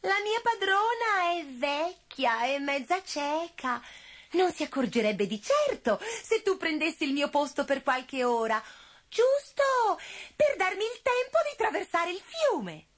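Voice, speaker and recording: A woman's voice: very high-pitched, very animated, a little slow, voice pushed up, exaggerated voice. A woman voicing a young female witch's cat in a storybook reading, with a wheedling, mischievous manner. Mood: scheming.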